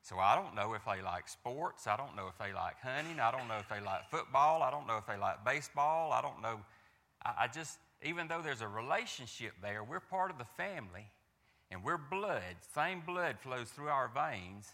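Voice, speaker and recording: A man with a Southern drawl tells his faith story in an earnest, halting way, circling back with repeated phrases and questions to his listeners. His voice is gravelly yet bright and pressing, and it carries a long hall reverb. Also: medium pitch, animated. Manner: earnest, repetitive, with frequent restarts and rhetorical questions.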